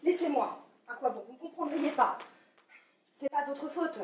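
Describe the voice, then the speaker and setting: An actress playing a weary, melancholy young beloved who gives curt, languid replies. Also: female voice, high-pitched, expressive, moderate pace, a little hiss or hum. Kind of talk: stage comedy acting. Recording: echoey room from far off.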